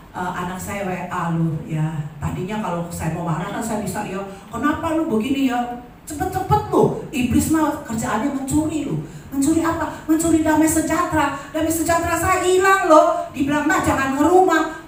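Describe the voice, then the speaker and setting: Woman, 60s, animated church testimony, distant mic, very reverberant hall. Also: a little hiss or hum. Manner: animated storytelling, acts out dialogue in a higher voice. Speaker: church member giving testimony. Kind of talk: testimony at a worship service. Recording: very echoey hall, voice from far off.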